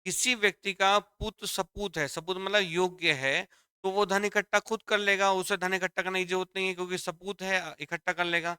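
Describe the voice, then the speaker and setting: Male Hindi teacher, fairly high, bright and crisp voice, dry close sound; explains patiently and repeats each point. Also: fairly even intonation, normal speed, no room sound. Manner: explains step by step, repeats lines, addresses students as dear children. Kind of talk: exam-prep grammar lesson.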